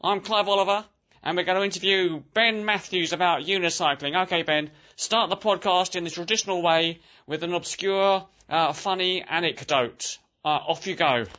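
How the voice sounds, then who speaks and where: A man's voice: high voice, moderate pace, sharp tone, highs cut off, voice pushed up. A man voicing a boastful male sports commentator with a put-on New Zealand or Australian accent that keeps slipping. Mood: pompous. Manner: pompous, insists he is famous, accent keeps slipping.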